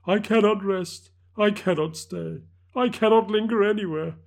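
A man's voice: a little high, darkish tone, voice pushed up. A man voicing the anguished ghost of a dead miser, wailing and declamatory. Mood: solemn.

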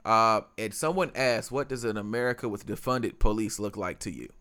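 A man with a fairly low voice talks through a casual podcast conversation. He rambles and loops back with frequent fillers and restarts. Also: moderate pace, pushed and bright, smooth. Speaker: podcast co-host.

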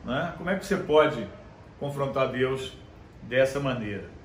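A male preacher delivering a conversational sermon, reading scripture aloud slowly and checking in with his listeners. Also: medium pitch, lively intonation, a little hiss or hum. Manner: conversational, constant tag questions. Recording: echoey room with faint ambience.

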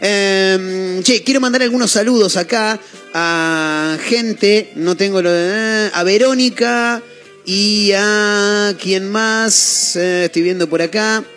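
A man's voice: high-pitched, slow, fairly bright tone, soft background music. A man with a Rioplatense Spanish accent hosting a radio show, easygoing and chatty, speaking to his listeners. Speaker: radio host. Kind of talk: casual radio chat.

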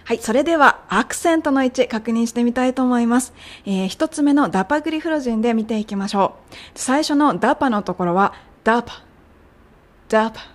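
A young woman casually teaching English pronunciation of medical terms, drilling the sounds slowly. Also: a little high, expressive. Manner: friendly, chatty coaching, drilling sounds slowly. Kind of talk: casual podcast lesson.

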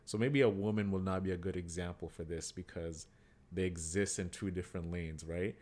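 This Kenyan-heritage podcast co-host has a low voice and a brisk delivery. He talks casually and animatedly, repeating himself and leaning hard on "like."

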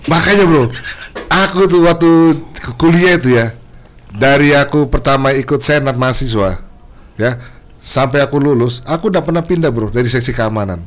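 A middle-aged man in casual chat, reminiscing with friends, slangy and quick to laugh loudly. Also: mid-range voice. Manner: animated, loud laughs, slangy "bro" and "coy". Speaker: guest reminiscing about student days.

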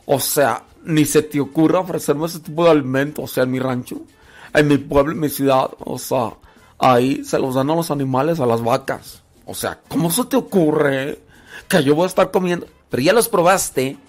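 A man's voice: fairly high pitch, normal speed, close to an everyday voice. A man putting on a snooty, disdainful Mexican snob. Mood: scornful. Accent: Mexican Spanish. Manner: haughty, repeats "o sea" with disdain. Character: snobbish stuck-up young man scorning humble food.

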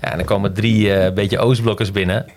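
Laid-back shop owner. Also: male voice, on the low side, a little fast, a little hiss or hum. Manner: relaxed, hesitant storytelling with fillers. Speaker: menswear shop owner, podcast guest. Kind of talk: casual storytelling chat.

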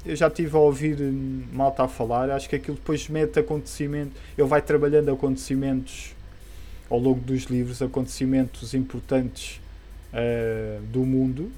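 A man with a dark voice at medium pitch talks at normal speed in a level tone. His casual chat about comic books, in a European Portuguese accent, is colloquial, hesitant and rambling, set against background music.

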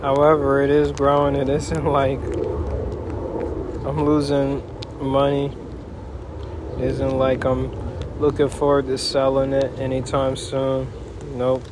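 Male podcast host, mid pitch, slow folksy ramble, casual solo update recorded outdoors in a noisy backyard. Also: completely flat delivery. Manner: folksy, rambling talk with pauses mid-thought.

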